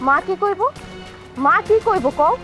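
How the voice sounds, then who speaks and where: A young wife with a colloquial Bangladeshi Bengali accent, complaining and coaxing in a high voice. Soft music runs behind her. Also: measured pace. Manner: complaining, then placating. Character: young wife urging her husband to calm down. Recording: with faint background music.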